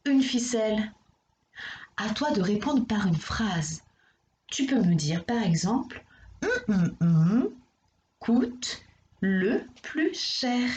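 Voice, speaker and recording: Slow, lively-voiced woman teacher in echoey room. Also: a little high, slight background noise. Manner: slow, careful enunciation, addressing a child directly. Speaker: primary school teacher. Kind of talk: recorded lesson for young children.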